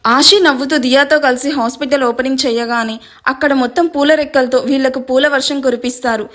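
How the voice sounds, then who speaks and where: A woman narrating a serial romance story in a steady, expressive reading. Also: high-pitched, a little fast.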